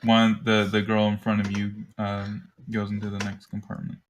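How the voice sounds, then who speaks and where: A man's voice: fairly low pitch, monotone, moderate pace, noisy background. A man narrating a tabletop game as game master over a voice call, loose and rambling with lots of fillers.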